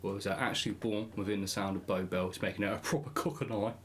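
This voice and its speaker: Low-voiced man with dry humour. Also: steady tone, fast talker, a little hiss or hum. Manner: wry, storytelling, dry humour. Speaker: podcast guest. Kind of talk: casual film review chat.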